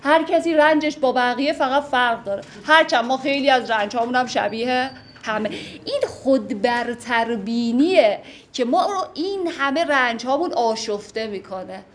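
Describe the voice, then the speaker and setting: A middle-aged woman explaining classic poems in a lecture, reciting verses slowly and acting out small everyday scenes with quoted voices. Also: high-pitched, slight background noise. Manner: acts out little scenes with quoted voices, swinging between hushed and loud. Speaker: teacher explaining Persian poetry.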